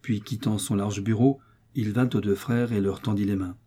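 A man narrating a classic novel in a measured, sombre reading. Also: fairly low pitch, steady tone, warm tone, breathy edge. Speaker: audiobook narrator. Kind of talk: scripted literary narration.

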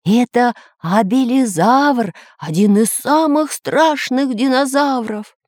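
A woman voicing an excitable male professor in a storybook reading, with urgent, eager exclamations. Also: low voice, measured pace, no echo, clean studio sound. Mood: alarmed.

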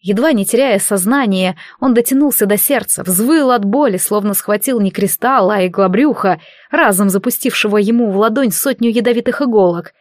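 A woman narrating a fantasy audiobook in a measured, dramatic reading. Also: mid-range voice, no echo, clean studio sound.

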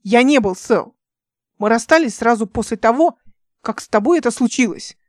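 A young captain speaks in clipped, insistent phrases, as a woman narrator plays him. Her voice sits fairly high and dry. The tone stays tense and defensive. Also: animated, moderate pace, no echo, close to an everyday voice.

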